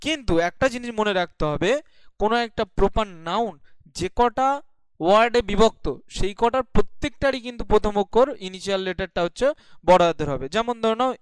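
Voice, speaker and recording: A male teacher leads a classroom grammar lesson. His voice is high and smooth, and it sits dry and close to the mic. He asks his class questions, answers them himself and keeps checking that they follow. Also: expressive, a little fast, no room sound. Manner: explaining patiently, checking in often. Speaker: English teacher.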